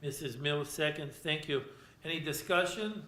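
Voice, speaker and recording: A man's voice: fairly high pitch, normal speed, pushed and bright. An American man formally chairing a council meeting and running through procedure. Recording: echoey meeting room.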